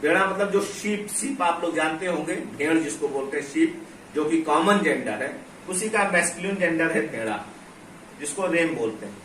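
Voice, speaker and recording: A man's voice: a little high, lively intonation, a bit bright. Man teaching English grammar in an echoey room. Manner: explains slowly, repeats key words, spells out letters. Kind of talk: classroom-style explanation at a board. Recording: echoey room, from a distance, faint noise.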